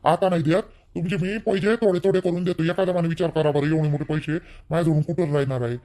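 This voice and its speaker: A man playing a cornered younger brother-in-law who pleads and apologizes in a low voice. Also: fairly even intonation, fast, mellow, close to an everyday voice. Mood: pleading.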